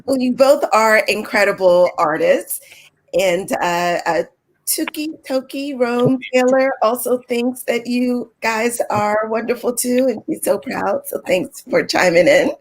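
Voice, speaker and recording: A woman's voice: fairly high pitch, unhurried, a little hiss or hum. A woman hosting an artist conversation over a video call, upbeat and enthusiastic, chatty with frequent fillers. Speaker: gallery host.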